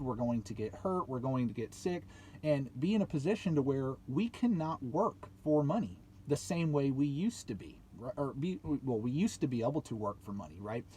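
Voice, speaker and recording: A YouTube channel host in his late twenties gives a motivational vlog talk, speaking emphatically, repeating points and posing rhetorical questions. His voice is medium-pitched, mellow and husky, and the recording is rough.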